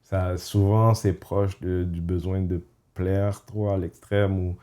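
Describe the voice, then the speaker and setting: A podcast host with a low voice and a warm, mellow tone chats casually, delivering his words flatly. He's reflective and halting, often restarting sentences and dropping English phrases into his speech.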